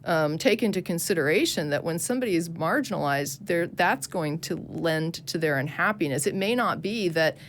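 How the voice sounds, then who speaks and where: Female call-in host, earnest and fast-talking, lower register. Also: animated, a little hiss or hum. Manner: quick, earnest, talks through many restarts. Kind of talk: casual call-in debate.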